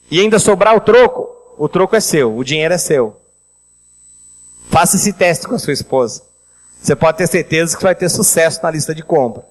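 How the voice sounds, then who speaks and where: Pastor guy with a high voice, chatty, talks right to the pews, big echoey church. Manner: lively, addresses the congregation directly. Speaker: pastor leading a finance seminar. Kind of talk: sermon with storytelling.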